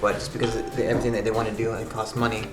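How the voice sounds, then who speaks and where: A vlog host talks casually to his audience from a sparsely furnished apartment room, rambling and repeating himself as he restarts phrases and calling himself grandpa in the third person. His voice is fairly low and level, and he speaks rapid-fire. The room is echoey, with background music playing.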